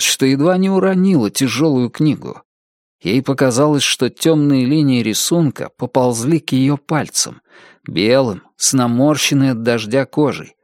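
Male narrator for a novel; slow, deliberate delivery, dry studio sound. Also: medium pitch, a little mellow, no room sound. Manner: measured, deliberate reading. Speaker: audiobook narrator. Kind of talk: scripted narration.

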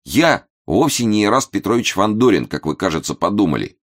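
A man's voice: fairly low pitch, big pitch swings, brisk, pitched above the performer's own voice. A man voicing a nervous young clerk who pleads earnestly and politely. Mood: pleading.

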